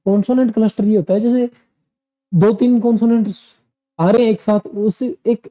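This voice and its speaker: A man's voice: high voice, fairly even intonation, normal speed, dark tone. A man teaching pronunciation in a lesson, drilling word lists aloud and asking and answering his own questions. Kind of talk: screen-share lesson.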